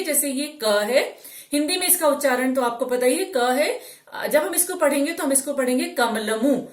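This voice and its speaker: A woman's voice: sits high, echoey room. A woman teaching a language lesson, explaining patiently step by step and correcting herself now and then.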